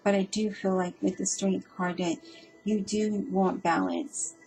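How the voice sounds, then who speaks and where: A woman giving a casual spoken tarot reading, earnest and reassuring, speaking haltingly with frequent ums and restarts. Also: medium pitch, steady tone, a little mellow, soft background music, rough recording. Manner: hesitant and halting, with frequent ums and self-repeats; earnest and reassuring, addressing the listener directly. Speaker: tarot reader.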